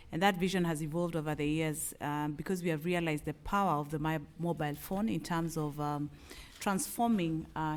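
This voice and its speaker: A middle-aged woman from Kenya with a Kenyan accent, speaking as a panelist. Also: sits low. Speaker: panelist, company executive. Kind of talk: panel talk.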